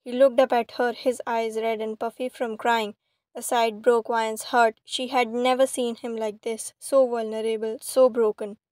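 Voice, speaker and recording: Brief: female storyteller, slightly high voice, flat steady delivery, dry close recording. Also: measured pace, no room sound. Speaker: fan fiction reader. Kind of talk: storybook narration.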